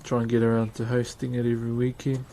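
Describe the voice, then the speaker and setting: Talking quickly in a warm, mid-range voice with a completely flat delivery, a broad-accented Kiwi hosts a livestream as he carves. He chats with viewers in a laid-back, matey manner over clearly noisy background ambience.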